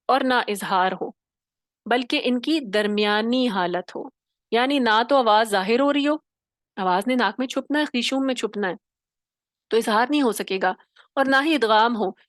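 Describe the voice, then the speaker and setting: A fairly high-voiced woman teaches Quran recitation in an online class, explaining each point patiently and checking in often. Her voice sits close and dry on the mic, with no room sound. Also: fairly bright tone, no echo.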